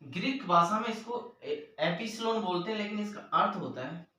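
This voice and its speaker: Explaining each step of a maths lesson, a man keeps calling on the children in an animated, pushed and bright voice that sits high and swings widely in pitch. He speaks at a moderate pace, recorded from a distance in a room with a strong echo.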